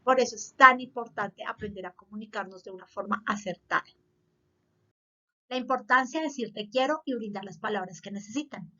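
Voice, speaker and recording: A woman's voice: medium pitch, a little fast, sharp tone. A woman school counselor gives an earnest, explanatory talk to parents, repeating points for emphasis. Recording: slightly dull lo-fi audio.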